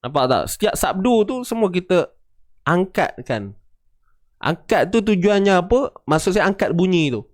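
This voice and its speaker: Malaysian Malay male Quran teacher, chatty casual tajwid lesson, slightly high voice, keeps checking understanding. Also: very animated, moderate pace.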